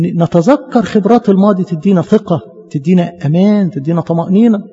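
A man's voice: sits high, vocal fry, dark tone, slightly rough. A man with an Egyptian Arabic accent preaching a sermon as a priest, impassioned and full of rhetorical questions. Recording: dull sound with long hall reverb.

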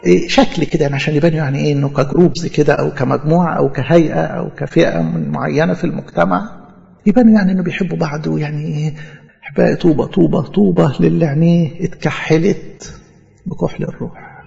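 Fast-talking Egyptian preacher in a reverberant hall. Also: male voice, fairly high pitch, fairly even intonation, gravelly, a little mellow. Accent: Egyptian Arabic. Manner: conversational, acts out imagined speakers. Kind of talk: sermon. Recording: muffled audio with long hall reverb.

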